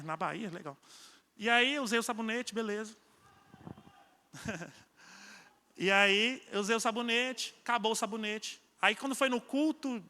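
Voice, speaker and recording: A man with a Brazilian Portuguese accent preaches in a very high, piercingly bright voice, carried by a long church-hall reverb. He talks to the congregation casually and acts out quarrels between spouses in quick bursts. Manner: conversational preaching with acted-out quarrels. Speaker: pastor. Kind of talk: sermon.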